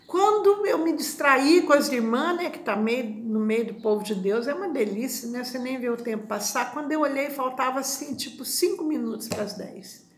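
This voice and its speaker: A woman pastor from Brazil telling a testimony in a sermon, animated, acting out quoted dialogue. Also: high-pitched, normal speed. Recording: echoey room.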